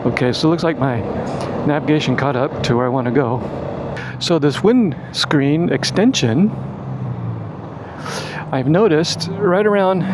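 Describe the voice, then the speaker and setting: Guy on a scooter rambling to camera, kinda high voice, tons of wind and road noise on the mic. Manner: rambling, thinking aloud. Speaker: motorcycle vlogger riding a scooter. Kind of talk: casual vlog chat while riding. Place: outdoors on a moving scooter, in traffic. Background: wind, engine and traffic noise.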